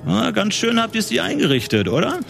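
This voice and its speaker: A man's voice: high voice, wildly swooping pitch, brisk, creaky, fairly bright tone, soft background music, voice pushed up, exaggerated voice. A man voicing a menacing middle-aged male inquisitor with a mock-friendly manner.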